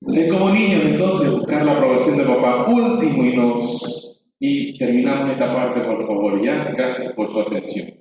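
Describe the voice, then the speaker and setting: A man's voice: medium pitch, normal speed, darkish tone, a little hiss or hum. A man teaching Sunday school in a conversational way, acting out voices of quarreling children. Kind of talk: church teaching. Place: church hall. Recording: echoey, distant, dull church audio.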